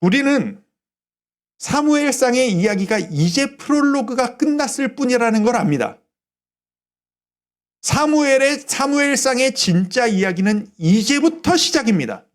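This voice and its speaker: A man's voice: very high-pitched, animated, unhurried. A male pastor preaching a Sunday sermon, acting out the prayers and words he quotes.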